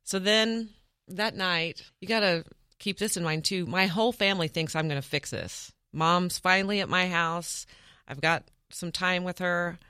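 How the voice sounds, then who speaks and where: A woman's voice: fairly low pitch, moderate pace, pushed and bright, smooth, no room sound, clean studio sound. A woman, an interview guest, telling a personal story in an earnest, matter-of-fact way.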